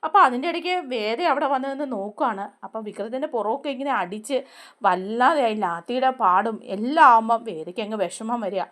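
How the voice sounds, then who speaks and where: A woman hosts a chatty recap of a TV serial episode, telling the story in an animated way and frequently using conversational tag questions. Her voice is a little high, and she speaks fast.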